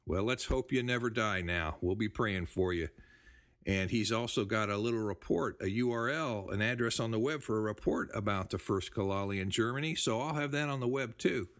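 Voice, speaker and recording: A man hosting a genealogy show, chatting casually as he reads through listener emails, with relaxed, rambling speech. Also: fairly low pitch, moderate pace. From United States. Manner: relaxed, rambling, with fillers and restarts. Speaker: podcast host. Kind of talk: casual talk reading listener mail.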